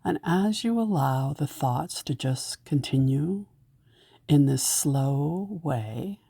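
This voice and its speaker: A woman leads a meditation in a low, mellow voice that's gravelly and slightly rough, her intonation lively even at a slow pace. She dwells on each gentle, soothing cue, and the recording is dry and intimate, free of room echo.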